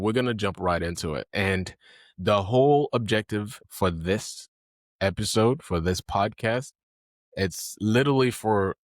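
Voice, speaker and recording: A man's voice: sits low, dry recording, clean studio sound. A man from Haiti hosting an interview podcast, speaking in an earnest, encouraging way with many fillers. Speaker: podcast host.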